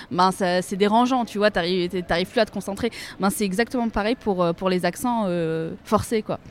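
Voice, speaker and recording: A woman's voice: medium pitch, a little mellow. A woman co-hosting a film review show, chatting casually and explaining her point step by step. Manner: explaining, frequent "tu vois". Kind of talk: casual chat.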